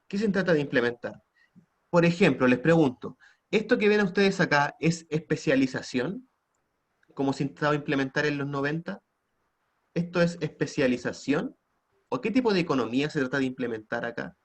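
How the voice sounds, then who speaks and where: A man's voice: on the high side, expressive, normal speed. Chilean man teaching an online class. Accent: Chilean Spanish. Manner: questioning, prompts students, tag questions. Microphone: computer mic on a video call.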